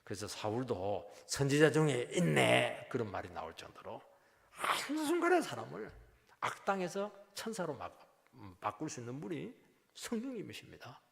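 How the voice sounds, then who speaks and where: A middle-aged male pastor preaching a sermon, animated and lively, acting out quoted voices with sudden jumps in pitch and loudness. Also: normal speed, creaky. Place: church sanctuary. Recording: long hall reverb.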